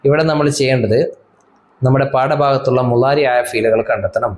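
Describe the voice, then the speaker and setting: Teacher slowly explaining textbook Arabic. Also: male voice, medium pitch, low-quality recording. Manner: reads Arabic phrases slowly, then explains each; asks rhetorical questions of students.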